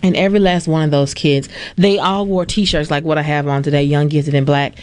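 A woman's voice: low-pitched, fairly even intonation, brisk, a little mellow, dry recording. Dry, close-miked woman telling stories conversationally. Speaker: interview guest. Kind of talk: conversational storytelling.

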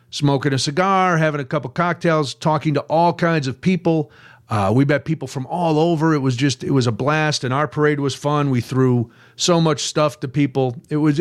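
An older man hosting a radio show, telling self-mocking stories in a casual chat. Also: a little high. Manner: animated, self-mocking storyteller. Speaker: radio host.

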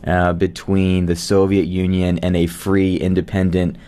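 A man's voice: deep voice, completely flat delivery, measured pace, dark tone. A man hosting a live radio talk show from a studio, chatting in a friendly, conversational way with the odd filler word. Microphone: studio microphone.

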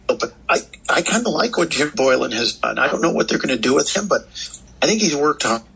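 A man's voice: fairly high pitch, very animated, brisk, creaky, fairly bright tone, husky, poor audio. A man calling in as a sports radio guest, talking through basketball with lots of restarts and fillers. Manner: talkative, many restarts and fillers. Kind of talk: phone-in sports radio interview. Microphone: phone line.

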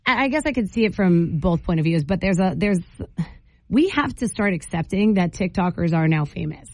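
A woman hosting a morning radio show, chatting casually in an animated, informal way with a co-host and callers. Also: lowish voice, a little fast, no echo. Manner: animated, informal, terms of endearment. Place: radio studio. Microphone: close studio microphone. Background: faint music.

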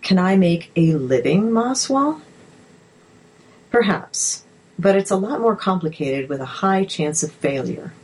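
A woman narrator reading articles aloud in a measured, steady way. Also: on the low side, husky, poor audio.

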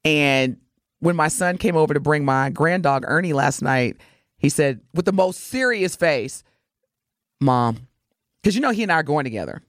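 A middle-aged woman hosting a casual morning show, talking in a playful, teasing, animated way. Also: low-pitched, moderate pace, no room sound, clean studio sound. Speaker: host.

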